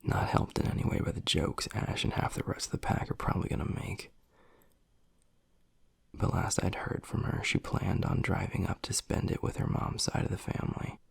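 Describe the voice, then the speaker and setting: A man voices a werewolf alpha in an intimate boyfriend audio roleplay, close and quiet, with a deep, heavily creaky, husky, gravelly and breathy low voice. He sounds dry and matter-of-fact, blunt yet protective and tender beneath the gruffness. The steady, moderately paced, full character performance is recorded close and dry with no room sound.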